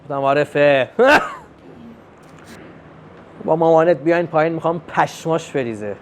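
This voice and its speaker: A young man performing a stand-up comedy routine, telling family stories and acting out the dialogue in an animated way. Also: a little high, a little hiss or hum. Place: comedy club stage with live audience.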